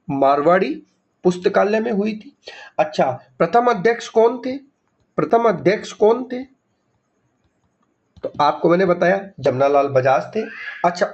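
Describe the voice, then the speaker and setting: A man's voice: high voice, vocal fry, darkish tone, dull audio. A man teaching an exam revision lesson, asking questions and answering them himself, repeating key facts, mixing English words into his explanation. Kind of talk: MCQ revision lecture.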